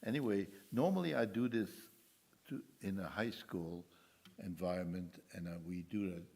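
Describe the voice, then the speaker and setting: An older man with a deep, low voice gives a talk at a commemoration as a guest speaker. His tone is dark and mellow. He speaks haltingly, repeating words and restarting his sentences as he goes. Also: vocal fry. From Belgium.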